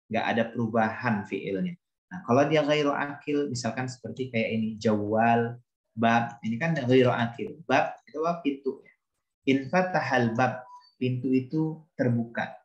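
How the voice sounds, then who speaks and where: A man's voice: mid-range voice, moderate pace, dull audio. Man teaching grammar in an echoey room. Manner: explains patiently, repeats examples, quizzes students by name. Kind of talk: classroom lesson.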